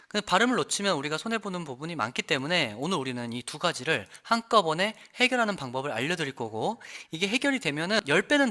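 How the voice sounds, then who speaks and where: A man's voice: on the high side, sharp tone. A man teaching English pronunciation in an online lesson, explaining each point and demonstrating the sounds by repeating words.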